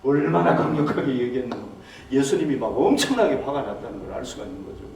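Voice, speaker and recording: A male pastor preaches a sermon in a church hall, often putting rhetorical questions to the congregation and acting out quoted speech in a raised voice. His mid-range voice is darkish with vocal fry, fast and full of big pitch swings. The recording is very echoey with a distant mic and a little hiss or hum.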